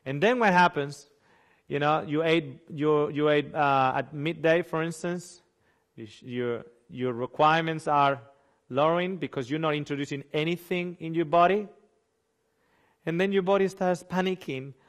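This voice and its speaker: A man with a Spanish-speaking accent and a fairly high voice gives a nutrition seminar. He stays animated the whole time, quizzes the audience, acts out what people say, and often slips on a word and starts it again. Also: normal speed. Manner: slips and restarts words. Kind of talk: seminar lecture.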